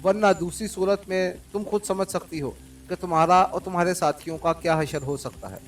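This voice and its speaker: A man's voice: high voice, a little fast, far from the mic, soft background music, lightly acted. A man playing a cold, witty male secret agent. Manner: calm and cold, mocking laughter. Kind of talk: audiobook character reading.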